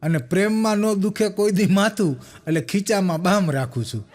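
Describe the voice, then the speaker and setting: A man's voice: sits high, normal speed, heavy background noise. A young man, telling jokes on a live stage and acting out the people in them. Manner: animated storyteller acting out quoted characters. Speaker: stand-up comedian telling jokes. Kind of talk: Gujarati folk stage joke-telling. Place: live stage show with audience.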